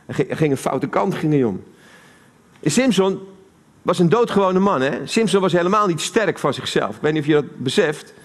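A man with a Dutch accent giving a live sermon in a church hall, talking conversationally and putting questions to the congregation. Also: on the high side. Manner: conversational, asks the audience questions. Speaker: preacher.

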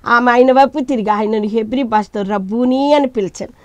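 Woman preacher, fairly high voice, dry close sound, loud emphatic peaks and soft pleading drops. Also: fairly quick, no room sound. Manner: rising to loud emphatic peaks, then dropping to soft appeals; addresses listeners directly as beloved children. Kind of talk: sermon.

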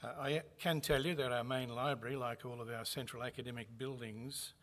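A man's voice: medium pitch, fairly even intonation, fairly bright tone. Man giving a formal conference opening. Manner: measured, formal, lightly humorous. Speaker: university executive giving opening address. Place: conference venue.

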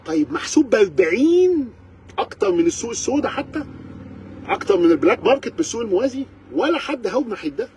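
A man's voice: sits high, very animated, rapid-fire, darkish tone, a little hiss or hum. A man with an Egyptian Arabic accent, a car reviewer ranting to camera in a sarcastic, exasperated way, firing rhetorical questions. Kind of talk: animated rant to camera.

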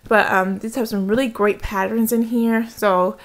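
The recording is low quality, capturing a woman whose voice is a little high and steady, at a moderate pace. A craft vlogger at home behind a handheld camera, she enthusiastically holds up her haul in a casual show-and-tell.

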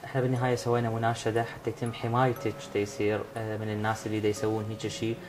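Very fast-talking Iraqi male interviewer. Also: on the low side, monotone. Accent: Iraqi Arabic. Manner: reassuring, encouraging. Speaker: TV interview host. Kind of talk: interview talk. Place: TV studio. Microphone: lapel mic. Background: background music.

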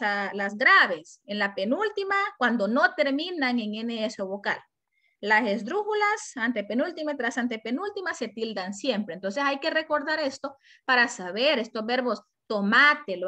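Lively, bright-voiced woman teacher. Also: fairly high pitch. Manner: animated, drawn-out example words, rhetorical questions. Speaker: high school language teacher. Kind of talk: online class lecture.

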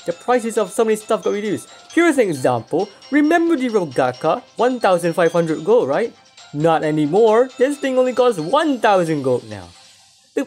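Excitable woman with a lively, bouncing voice. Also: fairly low pitch. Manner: excitable, often breaks into yelling. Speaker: gaming video creator. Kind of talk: excited game commentary.

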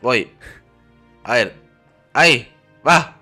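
A man's voice: mid-range voice, lively intonation, very slow, pushed and bright, faint music behind. A man, chatting and laughing playfully during co-op gameplay as a gaming YouTuber. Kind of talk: casual co-op gameplay chat.

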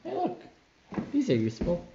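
A man's voice: high voice, wildly swooping pitch, moderate pace, creaky. A man joking and teasing his friends while exploring an abandoned house, recorded on a phone. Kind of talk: casual chat while exploring. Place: dark abandoned house, indoors. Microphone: phone camera carried by hand. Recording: echoey, dull phone audio with noise.

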